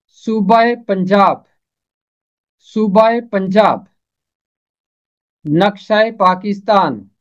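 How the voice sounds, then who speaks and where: A man teaching an Urdu pronunciation lesson, saying each example phrase twice in a measured way. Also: sits high, lo-fi sound.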